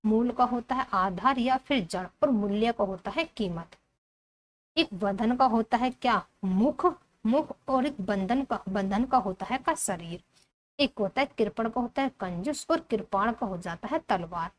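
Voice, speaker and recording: A woman teaching a grammar lesson. She reads the textbook aloud slowly and keeps asking the class rhetorical questions as she explains. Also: fairly high pitch, lively intonation. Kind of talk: Hindi grammar lesson walking through a textbook.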